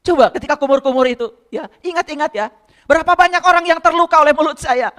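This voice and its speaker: High-voiced man preaching in a hall. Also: fast talker, fairly bright tone. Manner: rhetorical questions to the audience. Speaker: spiritual teacher. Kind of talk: sermon to a congregation. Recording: long hall reverb.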